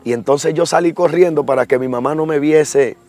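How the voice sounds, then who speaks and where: A man's voice: fairly high pitch, a little fast, mellow. A young man giving an earnest personal testimony, acting out the voices in his story. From Dominican Republic.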